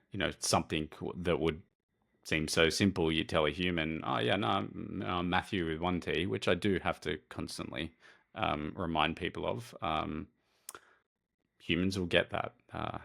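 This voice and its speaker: A man co-hosting a casual podcast, speaking in a measured, reflective way with fillers. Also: rumbling low, vocal fry, a bit bright. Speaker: podcast co-host.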